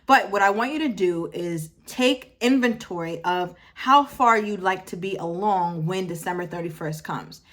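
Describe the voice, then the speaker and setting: Speaking at a normal speed with hardly any pauses, a woman in her twenties delivers an emphatic motivational talk to her viewers in a casual style. She repeats phrases for effect and corrects herself along the way. Her pitch is on the low side and her tone fairly bright.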